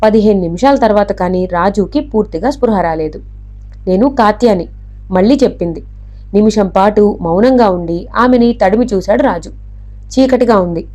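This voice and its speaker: A woman narrating a novel as an audiobook in a steady, even storytelling manner. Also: medium pitch, moderate pace.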